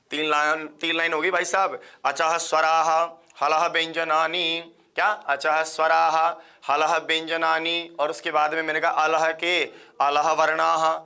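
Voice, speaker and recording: Bright-voiced man teaching a quiz-style lesson. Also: a little high, smooth. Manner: quizzing, repeats questions and answers; fast-paced, chatty, addresses viewers as friends. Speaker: Sanskrit exam teacher. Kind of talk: live online class lecture.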